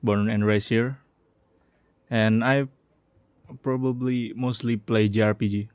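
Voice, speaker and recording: A man's voice: lowish voice, steady tone, takes it slowly, darkish tone, clean tone, dry recording. A young man from Indonesia in his twenties, a guest on a casual podcast. He is laid-back and teasing and laughs a lot.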